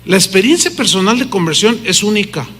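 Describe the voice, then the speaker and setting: A man's voice: high-pitched, animated, a little fast, pushed and bright, slightly rough. Emphatic male preacher in reverberant hall. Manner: emphatic preaching, rhetorical questions to the congregation. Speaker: pastor. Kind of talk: sermon.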